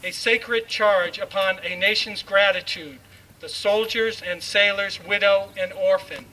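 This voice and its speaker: The same kind of formal proclamation is delivered by a man with a high voice, steady and a little slow, with a sharp edge. He reads solemnly, like an orator at a ceremony. A faint hum of background noise accompanies the distant-mic recording.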